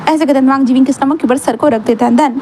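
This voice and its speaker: A woman narrating a fan fiction story in a casual, rambling way, often dropping in English words. Her voice is high and mellow. A faint hiss runs behind her. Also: steady tone, fast, rough recording.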